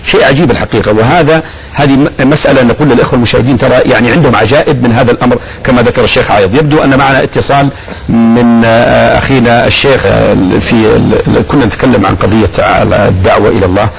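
A man's voice: medium pitch, fairly even intonation, rapid-fire, gravelly, a little hiss or hum, rough recording. A man hosting a studio talk show, affirming his guest and steering the conversation. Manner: affirming interjections, leads the conversation. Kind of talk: studio interview.

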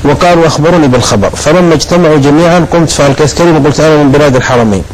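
Fast-talking man telling lively stories. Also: a little high, slight background noise, poor audio. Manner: animated storytelling, voices quoted people. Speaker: guest preacher. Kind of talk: anecdotal storytelling on a TV talk show.

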